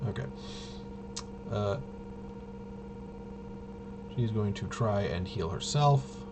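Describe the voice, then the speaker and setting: A man hosting a solo tabletop roleplaying game gives casual play-by-play, muttering and thinking aloud as he goes. His voice sits on the low side, animated but slow, with background noise in the recording.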